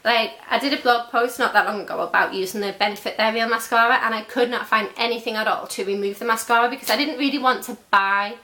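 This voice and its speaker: A woman's voice: a little high, bright, forceful tone. A young woman reviewing beauty products in a chatty, gushing vlog while losing her voice. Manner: chatty and gushing, many fillers. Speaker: beauty vlogger.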